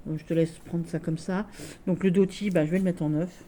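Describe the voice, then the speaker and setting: A woman chats casually and affectionately to her viewers about her tarot decks. Her voice sits fairly low and sounds soft and mellow. She talks in a loose, friendly way and keeps dropping in "voilà". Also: fairly even intonation, a little fast, a little hiss or hum. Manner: chatty and affectionate, often saying "voilà". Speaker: tarot vlogger.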